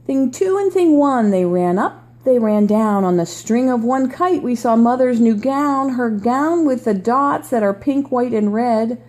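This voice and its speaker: Sweet older woman, mellow lively storyteller. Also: a little high, measured pace, hardly any pauses. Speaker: grandmother reading to a grandchild. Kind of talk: read-aloud children's story with chatty asides.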